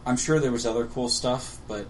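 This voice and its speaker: A man's voice: mid-range voice, normal speed, distant mic, slight background noise, low-quality recording. A man co-hosting a podcast, chatting casually and trailing off as he recalls things. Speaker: podcast co-host. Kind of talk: casual chat.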